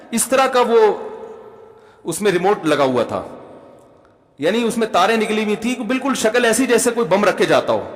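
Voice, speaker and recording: A man with a Pakistani Urdu accent preaching a sermon, telling a funny personal story and often calling the audience brother. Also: high-pitched. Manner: humorous anecdotal, addresses audience as brother. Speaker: Islamic preacher. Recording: long hall reverb.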